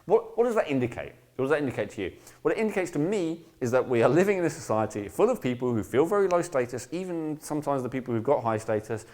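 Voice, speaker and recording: A man's voice: medium pitch, very animated, fast, darkish tone. A man teaching an online course in a casual, rambling lecture, emphatic and blunt, often checking in with "right?". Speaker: course instructor.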